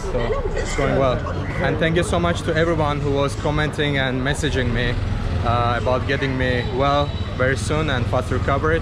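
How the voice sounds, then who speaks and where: A chatty travel vlogger from Azerbaijan with a slightly high voice walks through a busy outdoor street market, asking passersby for directions in simple non-native English. He holds the camera at arm's length, and loud traffic and market bustle fill the recording.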